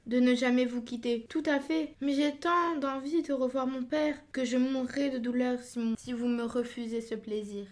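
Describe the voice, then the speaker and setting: A woman voicing a gentle, earnest young heroine in a fairy-tale reading, speaking up and pleading. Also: sits high, fairly even intonation, moderate pace, few pauses, natural voice.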